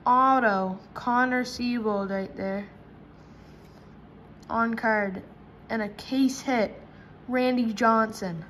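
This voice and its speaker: A woman chatting casually while opening trading card packs, breaking into high excited shrieks at big pulls. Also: slow pace, long pauses, slight background noise, low-quality recording. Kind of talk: casual pack-opening commentary. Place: indoors at a table. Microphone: camera over hands, speaker off screen.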